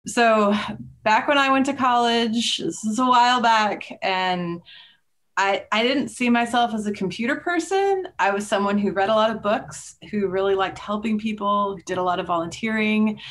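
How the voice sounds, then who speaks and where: A middle-aged woman talks through a headset on a video call. She tells her story in a thoughtful, animated way and often drops in "like." Her voice sits at a medium pitch. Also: moderate pace. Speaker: interview guest, engineering manager. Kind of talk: casual interview chat. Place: small room at home.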